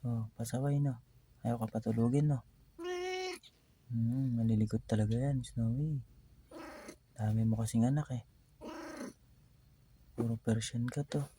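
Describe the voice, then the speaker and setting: A man chatting casually to his pet cat, teasing and coaxing her in a soft, low-key way. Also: steady tone, measured pace, long pauses, slightly rough.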